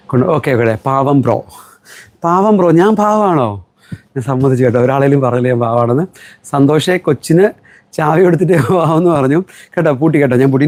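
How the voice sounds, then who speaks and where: Fast-talking man selling live. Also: medium pitch, darkish tone, no room sound. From Kerala. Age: middle-aged. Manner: chatty, reads viewer comments aloud and answers them. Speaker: textile shop owner selling live. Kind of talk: live-stream product selling.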